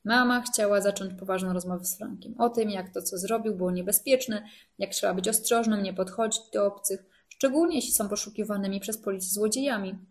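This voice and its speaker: A woman narrates a children's story aloud, her storytelling voice gentle and expressive. She speaks at a mid-range pitch, clearly and without hurrying.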